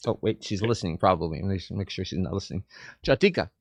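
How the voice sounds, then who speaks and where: This deep-voiced man talks fast with a creaky quality on a dry recording. He is a chamber of commerce president from Cuba, eagerly chatting as a studio interview guest and often repeating words along the way.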